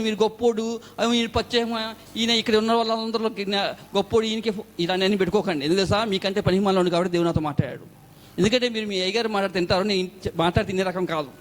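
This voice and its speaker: A man preaching his testimony in a church, telling his story in an animated way and acting out the people he quotes. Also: sits high. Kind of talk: testimony sermon.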